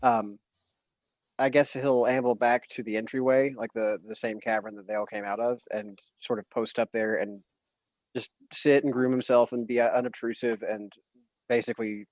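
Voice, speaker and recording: A man's voice: medium pitch, steady tone, moderate pace, darkish tone, no echo. A man playing a tabletop role-playing game, chatting casually and thinking aloud with some hesitation.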